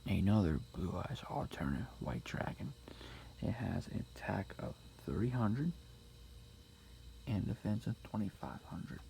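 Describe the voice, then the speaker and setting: A man speaking very quietly, sometimes whispering, close to the ear in an ASMR style, reading things out slowly. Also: lowish voice, big pitch swings, creaky, a little hiss or hum. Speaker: ASMR card collector showing a deck. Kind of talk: quiet ASMR talk, soft-spoken to whispered. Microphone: close-up ASMR mic.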